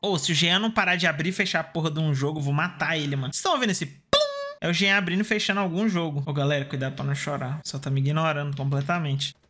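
Bright-voiced Brazilian gamer guy. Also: on the high side, racing. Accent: Brazilian Portuguese. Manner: chatty, swears freely, laughs at himself. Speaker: gaming streamer. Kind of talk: casual gameplay commentary.

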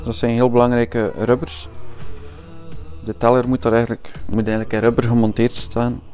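A man, a motorcycle builder explaining his work in a workshop in a relaxed, hesitant way with many fillers. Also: mid-range voice, normal speed, faint music behind. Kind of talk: explaining while working.

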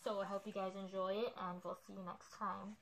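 A woman's voice: medium pitch, flat delivery, brisk, creaky, a little hiss or hum, low-quality recording. A woman vlogger chatting casually to her viewers through a face mask, leaning often on "you know".

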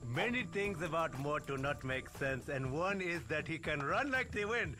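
A man's voice: fairly high pitch, animated, moderate pace, close to an everyday voice. An actor voicing a small, bossy lemur king in a video game, with a pompous, theatrical manner. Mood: bossy, self-important. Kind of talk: animated video game acting. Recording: game music behind the voice.

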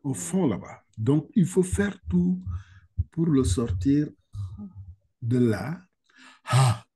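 A man teaching Quran letter reading over a video call, patient and repeating sounds slowly for his student. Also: on the high side, animated, mellow, slightly rough. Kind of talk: online one-on-one lesson.

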